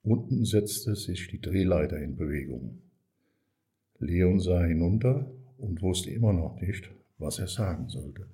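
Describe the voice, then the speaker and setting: A man reading a children's story aloud as narrator, calm and measured. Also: low-pitched.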